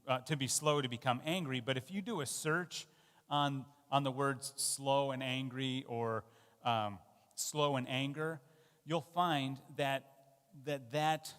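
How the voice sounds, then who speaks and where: A man's voice: mid-range voice, a bit bright, in a large hall. A man giving a sermon in a conversational, self-deprecating way, with fillers and restarts. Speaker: pastor. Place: church.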